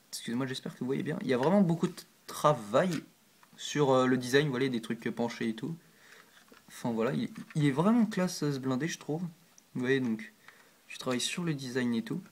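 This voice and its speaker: A chatty, hesitant man with a mid-range voice shows off his models in a casual show-and-tell vlog, with slight background noise. He handles pieces while saying "euh", "hop" and "voilà" a lot, adding self-deprecating asides and apologies.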